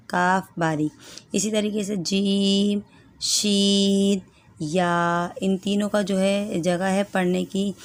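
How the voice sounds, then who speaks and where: A woman's voice: medium pitch, a little mellow. A woman teaching a step-by-step Quran reading lesson, patiently sounding out letters one by one and often checking in with her students.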